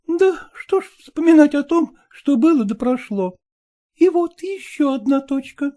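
A man voicing a sly, coaxing housekeeper woman in a chattering falsetto for an audiobook. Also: lively intonation, a little slow, mellow. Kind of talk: audiobook character voice.

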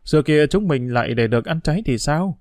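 Tích, a level-headed orphan boy as a man voices him, explaining and gently scolding in a steady, even voice close to the reader's own. The sound is dry and close, with no echo, in a storybook reading. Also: a little high, a little fast, lightly acted. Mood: planning. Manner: calm, reasoning, mildly scolding. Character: sensible thrifty street boy, calm leader.

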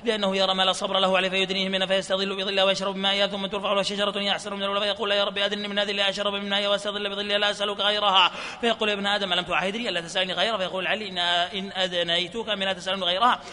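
A man reading hadith chains aloud at a study session, in a rapid, flat recital. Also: high-pitched. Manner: reads fast in a flat chant, laughs softly at times. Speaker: hadith reader. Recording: reverberant hall with faint noise.

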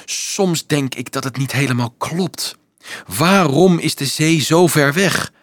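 A man's voice: fairly high pitch, slow pace, no room sound, clean studio sound, pitched above the performer's own voice. A man voicing an earnest, anxious young girl full of doubts in an audiobook. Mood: doubtful. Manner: anxious, questioning.

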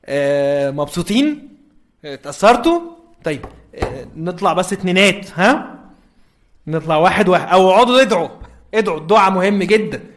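An Egyptian man putting on a breezy young man rallying his friends with quick banter. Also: high voice, expressive. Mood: cheery. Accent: Egyptian Arabic.

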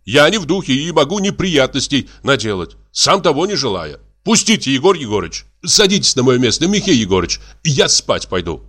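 A man's voice: medium pitch, sing-song, brisk, hardly any pauses, fairly bright tone, slightly rough, pitched above the performer's own voice. A man voicing an irritable country doctor who complains that he does not want to go.

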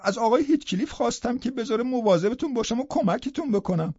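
A man voicing an awkward young man in an audiobook, speaking in a hushed, halting way. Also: very high-pitched, animated, husky, no echo, dull audio, voice pushed up, full character voice. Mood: defensive. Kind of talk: audiobook character voice.

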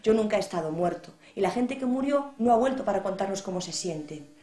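A woman voicing a patient old grandfather who speaks slowly and softly. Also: mid-range voice, lively intonation, reverberant, natural voice. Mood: calm.

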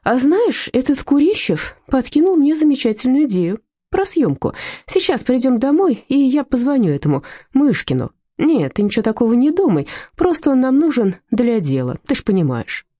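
Woman voicing a feisty sharp-tongued heroine. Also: high-pitched, big pitch swings, moderate pace, no echo, studio quality, pitched above the performer's own voice. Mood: warm teasing. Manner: sharp-tongued, defiant, tender with her dog. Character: feisty bold woman, defends her dog.

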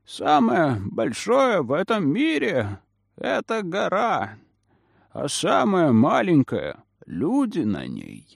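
A man reading a storybook aloud and voicing an old man who speaks slowly and indifferently. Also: on the high side, huge pitch swings, vocal fry, slightly rough, no room sound, studio quality, voice pushed up, heavily acted. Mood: aloof. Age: older. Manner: slow, detached.

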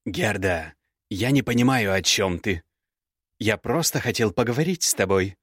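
A man's voice: fairly low pitch, animated, moderate pace, a bit bright, no room sound, clean studio sound. A man reading an audiobook voices a self-assured young male mage who pleads and justifies himself. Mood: pleading. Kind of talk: audiobook character voice.

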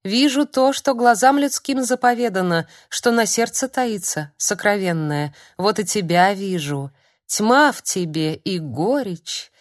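A woman's voice: medium pitch, animated, unhurried, no room sound, clean studio sound, natural voice. A woman voicing a strange young village madwoman who murmurs tender, uncanny prophecies in a singsong way. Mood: eerie.

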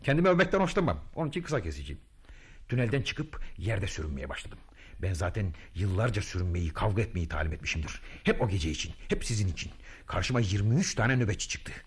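In a radio drama, a man plays a vain, pompous, boastful self-styled freedom hero who tells of his deeds grandly and mutters to himself. His lowish voice is husky and fast, with big pitch swings.

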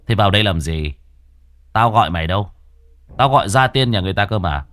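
A man doing a calm mocking exorcist. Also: fairly low pitch, fast talker, no echo. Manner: calm, teasing, commanding. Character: calm, mocking male exorcist, commanding and blunt.

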